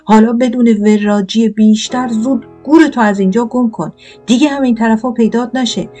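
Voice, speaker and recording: A loud, blustering tomato knight throws his weight around, as a woman reader puts him on. He rants like a bully, threatening and pompous. Soft piano plays behind. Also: on the high side, voice pushed up, close to an everyday voice. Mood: blustering angry. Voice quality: shouting, blustering.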